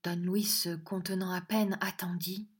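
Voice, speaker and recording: A woman narrating a romantic novel in a measured, expressive audiobook reading. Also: fairly low pitch, breathy edge.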